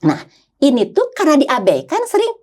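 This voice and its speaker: A woman's voice: high voice, wildly swooping pitch, moderate pace, darkish tone. An older woman who works as a psychologist, talking in a podcast conversation and telling stories animatedly, acting out her clients' voices.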